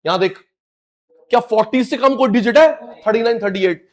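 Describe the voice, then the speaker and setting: A middle-aged man teaching a live online class, animated and coaxing, repeating key words to his students. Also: sits high, fairly quick.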